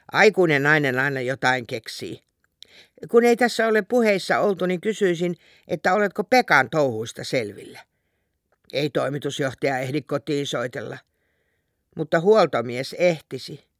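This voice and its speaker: A man's voice: fairly high pitch, fairly bright tone, dry recording, clean studio sound. A man reading a story aloud and voicing an older wife with curt, wry replies, raising his voice for her. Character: older wife, dry-witted and sharp.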